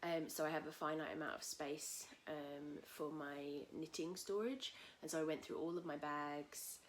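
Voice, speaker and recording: A husky woman with a low voice chats through her knitting podcast in a loose, rambling way, full of fillers. She sounds a bit croaky from a cold. Faint noise and cockatoos carry in from outside her small home. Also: fairly even intonation, normal speed. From England. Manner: chatty and rambling, with many fillers. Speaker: podcast host. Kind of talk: casual knitting podcast chat. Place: at home in a tiny house. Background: cockatoos calling outside.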